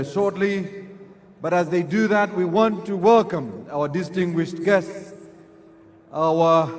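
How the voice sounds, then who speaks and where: A man with a Ugandan accent hosting a formal live ceremony in ceremonious, repetitive phrases over a public address system. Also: sits high. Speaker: master of ceremonies. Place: large outdoor ceremonial grounds. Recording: reverberant outdoor PA system.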